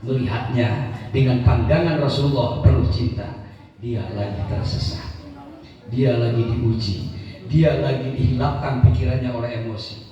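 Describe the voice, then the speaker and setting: A man's voice: medium pitch, moderate pace, highs cut off. A man with a Sundanese accent preaching a sermon at a religious gathering, telling stories with emphatic repetition. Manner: animated storytelling with emphatic repetition. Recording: echoey hall from far off.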